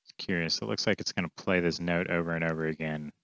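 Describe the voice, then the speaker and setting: Thinking aloud as he goes, a man in his thirties gives an informal coding walkthrough by screen recording and webcam from a small indoor room. His fairly low, clean, smooth voice is quick, a bit bright and fairly even in intonation. The recording is dry and close, though slightly dull and lo-fi.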